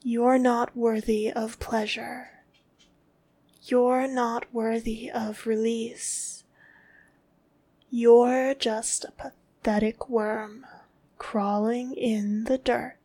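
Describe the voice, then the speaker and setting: A woman delivering a scripted dominant roleplay in a slow, commanding, contemptuous tone that often drops to a whisper. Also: a little high, flat delivery, mellow, slightly rough.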